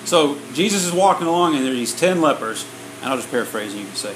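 A man delivers a sermon in short chunks, retelling it in a plain, conversational way with a slightly high voice. The room is roomy and echoes around him. A faint air-conditioner hum runs underneath. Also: expressive, moderate pace. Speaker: preacher. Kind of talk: sermon storytelling, paused for interpretation.

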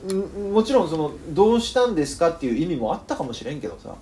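Lively northern Kyushu pastor preaching. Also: male voice, on the high side, very fast, a little hiss or hum. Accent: northern Kyushu Japanese. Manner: animated storytelling, acting out the people in the story, joking. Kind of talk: sermon.

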